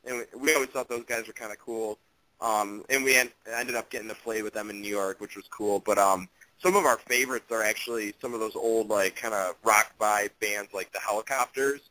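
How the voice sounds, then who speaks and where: A man's voice: fairly low pitch, steady tone, a little fast, pushed and bright, low-quality recording. A man speaking as a band member guest in a casual radio interview, laid-back and full of fillers.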